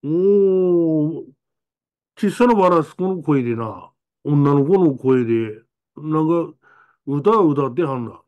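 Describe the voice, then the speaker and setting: A man voicing a rural boy who speaks in an Aomori dialect, telling his story slowly and earnestly. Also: fairly high pitch, expressive, muffled recording. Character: rural boy transfer student, plain-spoken.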